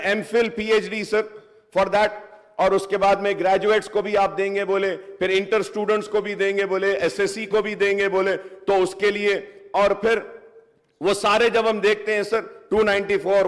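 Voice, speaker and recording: A man's voice: high-pitched, fairly even intonation, normal speed. A man giving an argumentative speech as a legislator on the assembly floor, moving between English and Hindustani. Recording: echoey assembly hall.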